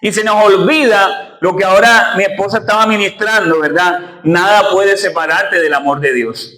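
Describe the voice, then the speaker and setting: A man's voice: sits high, fairly even intonation, normal speed, sharp tone. A male pastor preaching a sermon in a church and calling on the congregation to repeat his words after him. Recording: echoey church room.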